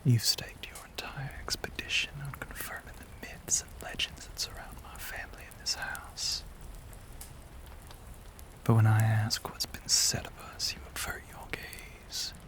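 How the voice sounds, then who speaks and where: A man with a lowish voice and a Southern accent taunts as an ageless, courtly, menacing vampire in an intimate audio roleplay. His tone is steady, pushed and bright, though mostly whispered and breathy, with genteel, theatrical phrasing and long pauses.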